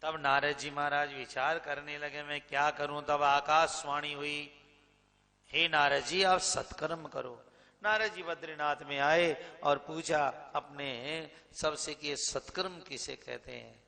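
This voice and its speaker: Gravelly, bright-voiced preacher in a reverberant hall. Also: male voice, fairly high pitch, steady tone. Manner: dramatic storyteller, slow and emphatic, swells loud when sung. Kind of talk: sermon with chanted verses. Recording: reverberant hall, slightly distant.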